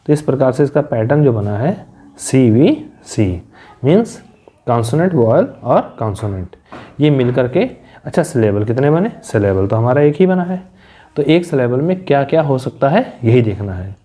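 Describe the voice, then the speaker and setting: A man with a mellow, warm voice teaches a lesson in a patient classroom manner. He works through each point step by step, posing questions and answering them himself, and he draws out letter sounds slowly as he spells out patterns. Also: mid-range voice, expressive. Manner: explains step by step, asking and answering his own questions. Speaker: English teacher.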